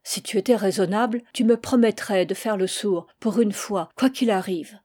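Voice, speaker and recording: A woman's voice: mid-range voice, moderate pace, warm tone, slightly rough, no echo, lightly acted. A woman voicing a stern, worried peasant mother who scolds her family and prays for the drowned.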